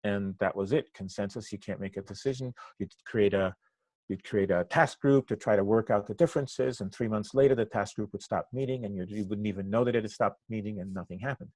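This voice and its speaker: An older Cuban-born man, native in Spanish and in the US since age eight, answers interview questions thoughtfully as an activist and trainer. His low voice has a darkish tone, and he pauses partway through sentences before picking up again. The sound is dry and close, with hardly any room.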